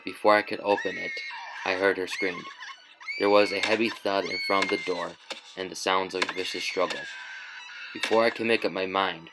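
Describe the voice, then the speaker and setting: A man narrating a scripted first-person horror story in a measured, tense way. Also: deep voice, vocal fry, sharp tone, poor audio.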